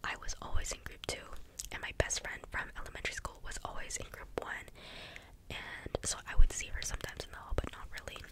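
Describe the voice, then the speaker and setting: Young person whispering a rambling ASMR storytime. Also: a little fast. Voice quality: soft, breathy, unvoiced whisper. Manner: rambling, casual, tangent-prone. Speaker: ASMR video creator.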